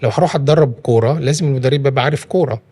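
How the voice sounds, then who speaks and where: A man's voice: mid-range voice, very fast, warm tone, slightly rough. A man with an Egyptian accent, a guest talking about parenting, explaining with everyday examples and frequent restarts. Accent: Egyptian Arabic. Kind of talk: casual studio conversation.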